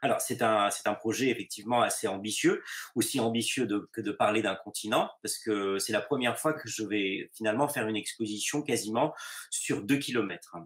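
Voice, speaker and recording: A man's voice: lowish voice, a little fast, a bit bright. A male visual artist describing his exhibition project over a video call, searching for words and repeating himself as he thinks. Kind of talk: interview answer.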